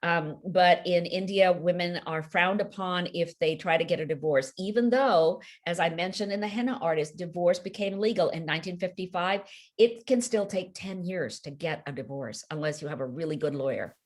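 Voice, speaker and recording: Low-voiced woman author telling a story. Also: normal speed. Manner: animated retelling, acts out quoted voices. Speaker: author being interviewed. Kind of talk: storytelling in an online interview. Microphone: video call.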